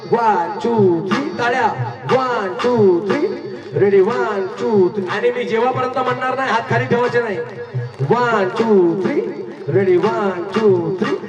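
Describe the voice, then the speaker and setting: A very high-voiced man leads a live crowd, commanding and rousing them between half-sung lines. He is heard from a distance in an echoey space, over loud music. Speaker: singer leading a live stage program. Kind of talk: live stage song and crowd call-outs. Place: large live event with crowd.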